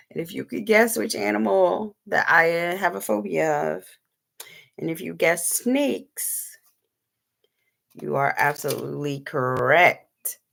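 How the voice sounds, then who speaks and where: Gravelly low-voiced woman chatting on a live stream. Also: takes it slowly, long pauses. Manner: rambling, many ums, shows items to camera. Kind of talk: casual live-stream chat.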